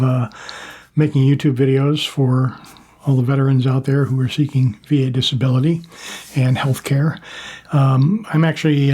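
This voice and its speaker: Husky older American man talking plainly. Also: medium pitch, mellow. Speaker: YouTube host, former Marine. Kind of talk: casual monologue to viewers.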